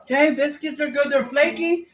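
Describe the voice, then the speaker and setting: A woman's voice: high voice, steady tone, moderate pace, soft background music. A woman casually chatting to viewers as she hosts a live cooking stream from her home kitchen. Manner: chatty, talks straight to viewers. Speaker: home cooking livestream host. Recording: roomy and a bit distant, faint hiss.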